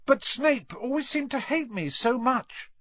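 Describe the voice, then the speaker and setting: A man's voice: extremely high pitch, expressive, unhurried, no echo, pitched above the performer's own voice, heavily acted. A man voicing a frightened young wizard boy who speaks in urgent, blurted lines in an audiobook reading. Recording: dull lo-fi dry recording.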